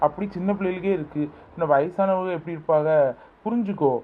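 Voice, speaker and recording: A man's voice: high-pitched, fast, natural voice. Man playing a soothing son-in-law, phone-like sound. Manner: soothing, reasoning. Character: young son-in-law, calm and comforting. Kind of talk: amateur family skit.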